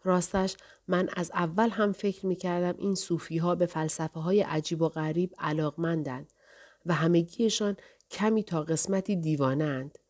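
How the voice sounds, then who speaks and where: A woman reading a novel aloud in first person, even and measured. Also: on the low side. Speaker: audiobook narrator. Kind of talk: scripted first-person narration.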